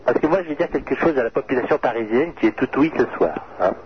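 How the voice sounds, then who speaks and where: A man's voice: medium pitch, expressive, quick pace, a little hiss or hum. A man calling a radio phone-in with an odd voice, rambling in mock-solemn speeches. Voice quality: odd voice, as another caller notes. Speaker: caller to a late-night radio phone-in. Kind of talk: prank phone-in banter. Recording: dull lo-fi radio phone line.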